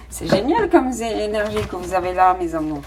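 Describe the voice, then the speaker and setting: Heavy background noise surrounds a middle-aged woman giving an informal tarot reading. She speaks at medium pitch with a non-native French accent, hesitating, using many fillers and exclaiming happily at what the cards show.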